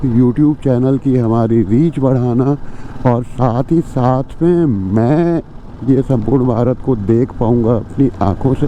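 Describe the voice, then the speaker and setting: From rural India, this motorcycle travel vlogger talks casually to his viewers, calling them brothers, in a mid-range voice. He's outdoors on village roads and at a roadside eatery, and the audio is muffled and dull, with outdoor noise.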